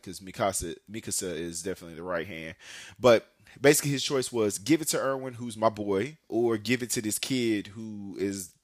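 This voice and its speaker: A young man hosts a casual anime talk show, rambling along with lots of fillers and corrections. His voice sits on the low side. The recording is dry and close, with no room sound. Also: no room sound. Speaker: podcast host.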